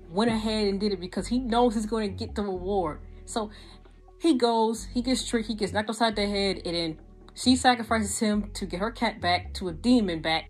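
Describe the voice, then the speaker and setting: A young woman giving a frank, exasperated anime review in casual vlog style, talking with lots of hand gestures. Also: medium pitch. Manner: animated, gestures a lot while talking. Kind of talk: casual video commentary. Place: small indoor room with a gaming desk setup.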